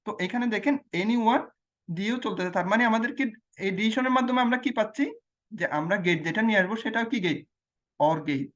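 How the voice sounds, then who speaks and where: A man's voice: high-pitched, fast talker, a bit bright. Man who quizzes and repeats. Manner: asks questions and answers them himself, repeats key phrases. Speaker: teacher. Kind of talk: explaining logic gates on a screen demo.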